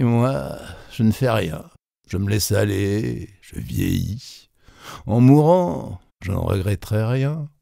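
A man voicing a shabby, aging male café regular who speaks in a calm, even, quiet way, placid and resigned. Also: fairly low pitch, gravelly, no echo, studio quality, heavily acted.

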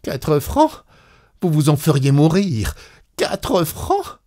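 A man's voice: on the high side, normal speed, mellow, no echo, studio quality, pitched above the performer's own voice, natural voice. A man voicing a stingy, sour-tempered older woman who is easily outraged, in a read story. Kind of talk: storybook reading.

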